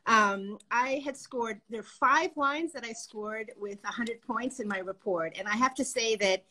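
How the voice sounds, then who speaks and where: A woman's voice: on the high side, unhurried, bright, forceful tone. A woman wine reviewer hosting a live video chat interview, talking in an effusive, enthusiastic way.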